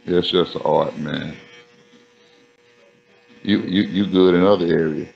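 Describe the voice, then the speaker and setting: A deep male voice with heavy fry chats in a laid-back, colloquial way. The sound is muffled, with the buzz of clippers nearby. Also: fairly even intonation, a little slow. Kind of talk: casual chat. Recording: muffled, buzzing clippers, faint music.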